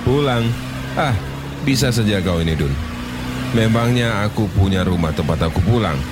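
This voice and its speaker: A man's voice: lowish voice, expressive, moderate pace, noisy background, natural voice. An actor playing a rich, belligerent drunk businessman in a radio drama, slurring and boasting like a barfly. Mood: weary, bitter drunk.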